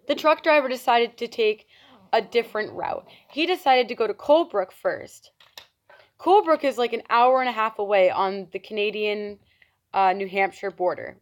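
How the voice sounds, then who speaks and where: A young woman from New telling an exasperated, animated storytime vlog at home. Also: mid-range voice. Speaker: reptile keeper vlogger.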